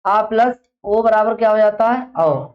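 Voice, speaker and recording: A woman's voice: mid-range voice, unhurried. Teacher woman drilling a class. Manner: drills with repeated questions, then answers them herself. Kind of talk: classroom exam-prep lesson. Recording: dull lo-fi classroom recording.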